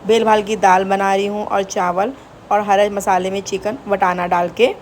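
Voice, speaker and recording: A woman's voice: medium pitch, a little hiss or hum. A young woman chatting to viewers in a casual home vlog, recorded indoors. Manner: chatty, addresses viewers directly. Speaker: vlogger.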